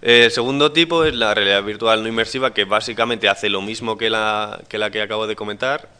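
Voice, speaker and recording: A man presents a lecture from his slides, stopping often to restart his sentences. His voice is fairly low yet bright and forceful, with a smooth, crisp tone. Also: fairly quick. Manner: hesitant, many restarts and fillers. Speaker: conference speaker. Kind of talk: academic talk with slides.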